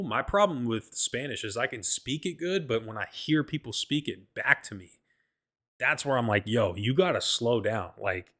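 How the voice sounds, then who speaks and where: A man's voice: mid-range voice, a bit bright. A man hosting a solo podcast, telling a travel story in a rambling, profane way, full of "like" and "bro," often stumbling and restarting. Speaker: podcast host.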